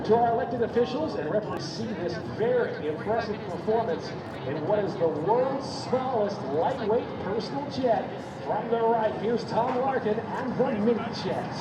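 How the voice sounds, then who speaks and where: A man's voice: high voice, expressive, normal speed, highs cut off. A man giving live, rousing airshow commentary as an announcer, working up the audience like a showman. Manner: rousing, crowd-hyping showman. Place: outdoor airshow at an airfield. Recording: distant PA outdoors, loud music, aircraft noise. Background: loud music and aircraft.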